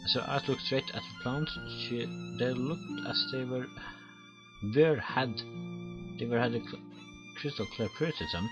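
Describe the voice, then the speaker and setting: A let's play host reads visual novel text aloud, often stumbling over words and starting again. His mid-range voice swoops wildly in pitch at a moderate pace. The recording is low quality, with game music clearly audible behind him.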